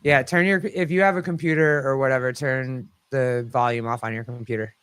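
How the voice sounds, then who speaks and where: A man's voice: medium pitch, fairly even intonation, fairly quick, a bit bright, clear, resonant tone, dry recording. A man hosting a casual live call-in stream, talking informally and swearing freely. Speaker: livestream host.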